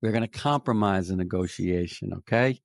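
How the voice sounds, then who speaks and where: A middle-aged sales trainer with a New York accent speaks as a podcast guest in a conversational interview, emphatic and coaching, repeating key phrases. His deep voice is gravelly and fairly quick, recorded with clean studio sound and no room sound.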